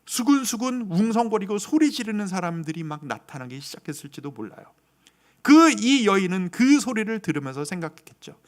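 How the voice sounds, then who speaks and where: A man's voice: high-pitched, big pitch swings, brisk. A male pastor preaching a sermon in a dramatic storytelling way, with earnest personal testimony. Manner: dramatic storytelling with acted quotes.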